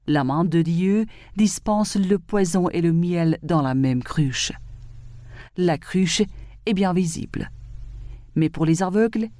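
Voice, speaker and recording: A woman's voice: fairly low pitch, dark tone, no echo. A woman voicing a grave, lovesick young man who answers his critics solemnly. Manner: measured, solemn.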